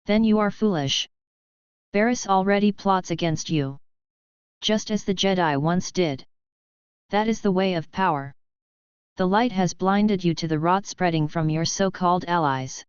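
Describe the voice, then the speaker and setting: A woman's voice: fairly low pitch, unhurried, long pauses, clean tone, no echo, lightly acted. Darth Vader, cold and commanding, read by a woman. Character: cold armored dark lord, adult man. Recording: slightly dull, dry recording.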